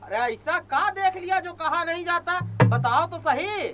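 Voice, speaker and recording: A woman's voice: extremely high pitch, lively intonation, measured pace, a bit bright, soft background music, heavily acted. A woman playing a grumbling, rustic father of the family. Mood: puzzled.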